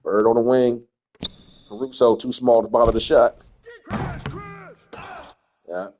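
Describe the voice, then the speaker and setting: A man's voice: medium pitch, fairly even intonation, unhurried, darkish tone. A man giving casual, rambling commentary while playing a basketball video game, often repeating himself as he thinks. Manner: laid-back, rambling, repeats words as he thinks. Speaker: gaming streamer.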